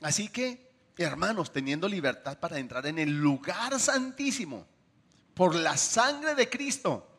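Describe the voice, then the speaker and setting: This fairly high-pitched male preacher has a sing-song way of addressing his congregation with questions. He moves back and forth between booming bursts and soft, lingering phrases.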